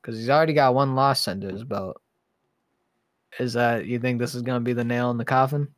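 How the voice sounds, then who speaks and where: A man's voice: mid-range voice, fairly even intonation, a little fast, no room sound. A young man hosting a casual podcast chat, talking in a loose, rambling, slangy way. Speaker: podcast host.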